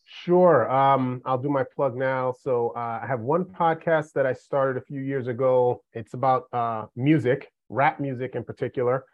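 A man's voice: medium pitch, normal speed, few pauses, no echo, narrow, tinny audio. A man in his forties, a podcast guest, talking in a laid-back, joking, self-mocking way. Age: 40s. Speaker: podcast guest, management professor. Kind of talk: casual chat.

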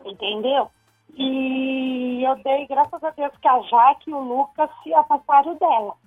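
A woman's voice: sits high, unhurried. A woman calling in to a radio show over the phone, giving blunt, opinionated views in casual chat. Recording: tinny phone line, faint music.

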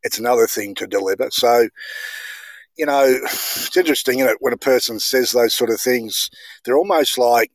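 A man's voice: medium pitch, normal speed, dry recording, rough recording. A man, a podcast guest telling long, rambling stories in casual chat. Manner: rambling storyteller, says mate.

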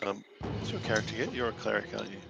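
A man's voice: fairly low pitch, lively intonation, rapid-fire, vocal fry, highs cut off, background noise. A man running a tabletop game as game master, narrating hesitantly with frequent fillers. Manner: hesitant, with many fillers and restarts. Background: music.

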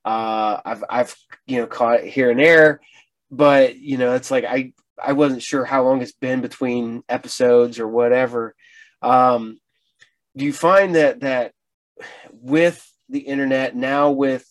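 A man hosting a casual chat, speaking in a halting, anecdotal way and often repeating words. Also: mid-range voice. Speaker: interviewer, online show host.

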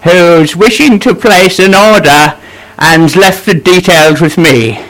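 A man putting on the voice of a polite, befuddled elderly man in a prank phone call, slow and hesitant with many pauses and uhs. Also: high-pitched, fairly bright tone. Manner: hesitant, fumbling with frequent uhs, slow and genteel. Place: radio studio.

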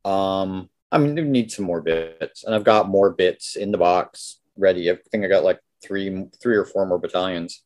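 A man's voice: deep voice, moderate pace, few pauses, darkish tone. A middle-aged or older man with a Canadian accent, chatting casually as a podcast co-host in a folksy, joking way. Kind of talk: casual chat between friends.

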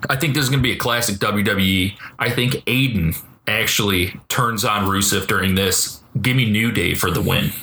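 A man's voice: on the low side, normal speed, sharp tone, echoey room, slight background noise. A man from Detroit co-hosting a podcast, chatting casually about wrestling picks with a jokey, stammering delivery while he drinks a beer. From Detroit, Michigan. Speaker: podcast co-host. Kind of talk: casual wrestling prediction chat.

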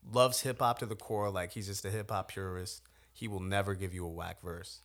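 A man co-hosting a podcast, arguing his point at length in casual chat, animated and swearing freely. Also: low-pitched, normal speed. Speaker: podcast co-host.

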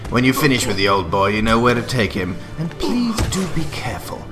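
An actor playing a theatrical, sadistic clown villain in an audio drama, mockingly courteous, pompous and taunting. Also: male voice, medium pitch, very animated, brisk, over music, lightly acted. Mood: mocking, gleeful. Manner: pompous, mock-literary, taunting.

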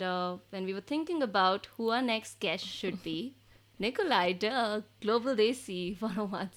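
A woman co-hosting an interview podcast in a bubbly, chatty way, laughing often and filling pauses with ums. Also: mid-range voice, a bit bright. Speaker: podcast co-host. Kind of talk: casual interview chat.

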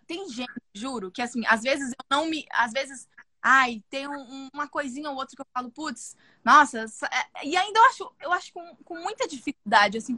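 A young woman, talking in a casual podcast conversation. Her high, bright voice comes out loud and intense, often close to shouting. The sound is close and dry. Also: no room sound. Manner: loud, intense and expressive, talks animatedly. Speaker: podcast guest.

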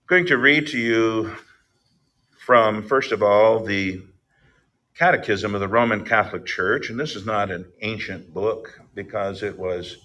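A man's voice: on the low side, sharp tone. A middle-aged male pastor giving a sermon, reading scripture with emphasis and then explaining it in a plainer tone.

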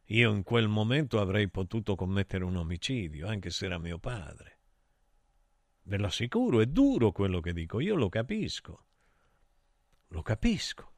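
A man's voice: lowish voice, big pitch swings, moderate pace, no echo. A middle-aged man hosting a show, reading listener messages and telling them personal stories in an emotional, rambling way. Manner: emotional, digressive, addresses listeners directly. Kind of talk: intimate confessional monologue.

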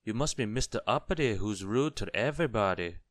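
A man's voice: lowish voice, animated, fairly quick, a bit bright, no room sound, studio quality. A man voicing a small, cheeky male goblin for a children's storybook, teasing and exclamatory. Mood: teasing, cheerful.

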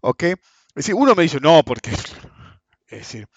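A man in his forties, a finance commentator with an Argentine Rioplatense Spanish accent, rants bluntly and sarcastically to followers about markets, swearing plenty. His voice is a little high and slightly rough, with big pitch swings at normal speed, on a dull, dry, lo-fi recording.

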